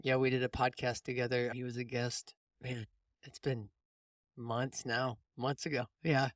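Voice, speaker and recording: This mindset coach hosts his podcast in a relaxed, conversational way, frequently rewording his explanations mid-stream. He speaks a little slowly in a medium pitch with little pitch movement, and the studio-quality recording is dry.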